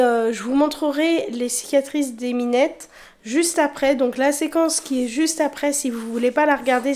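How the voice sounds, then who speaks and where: A woman's voice: sits high, a little mellow. A woman vlogging casually to her viewers, talking in loose, hesitant asides and repeating herself. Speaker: family vlogger. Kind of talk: casual chatty vlog talk to viewers.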